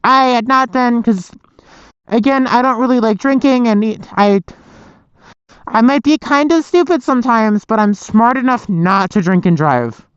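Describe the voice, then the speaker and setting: A young adult voice with a smooth, clear tone and middling pitch, rambling casually through a motorcycle vlog. The speaker talks from inside a helmet, so the sound is close and a bit muffled. The delivery wanders and self-interrupts, with some mild swearing. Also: measured pace, no room sound. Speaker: motorcycle vlogger. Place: inside a helmet, outdoors at night.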